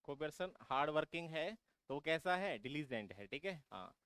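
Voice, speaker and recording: A man's voice: on the high side, lively intonation, moderate pace, a bit bright, smooth, no room sound, clean studio sound. A man teaching exam vocabulary who keeps asking his students questions and then answering them himself, calling them "beta". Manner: repetitive, drilling explanation. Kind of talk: vocabulary lesson for exam prep.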